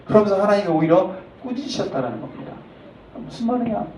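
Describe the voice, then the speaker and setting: A man preaching a sermon to middle schoolers as a youth pastor, with sudden loud emphatic rises. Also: high voice, lively intonation, quick pace, a little hiss or hum. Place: church sanctuary. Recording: echoey hall from a distance.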